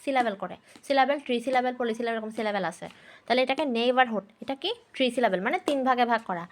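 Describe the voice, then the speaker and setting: A woman teacher gives a grammar lesson. She spells words out letter by letter, asks questions and answers them herself, and reads English sentences slowly before explaining them. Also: a little high.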